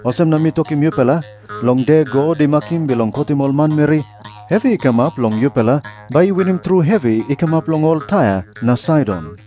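Guy acting earnest preaching prophet in scripture drama, papua new guinea accent, mellow highish voice, music behind. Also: expressive, fairly quick, lightly acted. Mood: stern warning. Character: Jesus, earnest preaching prophet addressing crowds.

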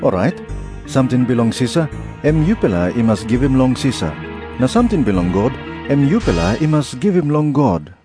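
A man's voice: medium pitch, big pitch swings, fairly quick, over music, natural voice. A man with a Papua New Guinean accent playing a teacher telling parables in a dramatised scripture reading. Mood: firm teaching. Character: Jesus, an adult male teacher telling parables. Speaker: voice of Jesus in an audio Bible.

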